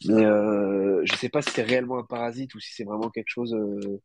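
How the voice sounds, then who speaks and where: Against a noisy background, a guest isopod breeder who is slightly congested from a cold explains raising woodlice on a casual livestream. His fairly low voice stays steady and a little quick, while he hesitates, uses plenty of fillers and searches for words.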